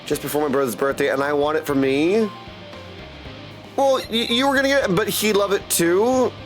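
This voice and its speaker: A man with a high-pitched voice speaks at normal speed while hosting a video game livestream. He chats casually with viewers, skipping between replies and catchphrases; he's also a voice actor and audiobook narrator. Music plays in the background.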